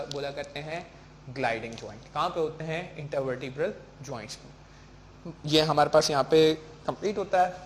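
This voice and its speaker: Patient male teacher, faint background hiss. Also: on the high side. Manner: explains patiently, asks questions and answers them himself; mixes in English terms, keeps checking with "ठीक है". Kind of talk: classroom lecture.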